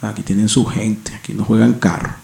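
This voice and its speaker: A Venezuelan man talks on in a loose, slangy, profane monologue, often breaking off and starting over. His voice sits low, dark and gravelly. It is recorded on a home mic in a roomy, echoey space. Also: flat delivery, normal speed. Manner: rambling, slangy and profane, with many restarts. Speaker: podcast host. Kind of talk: casual monologue. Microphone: home microphone setup.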